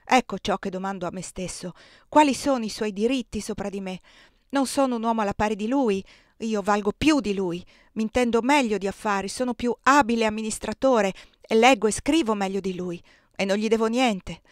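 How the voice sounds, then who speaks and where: A woman's voice: medium pitch, a little fast, dry recording, clean studio sound, lightly acted. A woman reading as a bitter, defiant enslaved husband. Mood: bitter, indignant.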